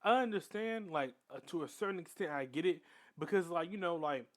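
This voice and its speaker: A man's voice: a little high, animated, a little fast. A young man hosting a reaction video, chatting casually and often restarting his sentences. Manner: chatty, restarts often, keeps saying "bro".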